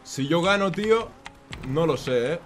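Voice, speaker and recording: A young man giving excitable, self-mocking commentary while playing a racing game. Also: on the high side, measured pace, faint music behind. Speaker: gaming YouTuber.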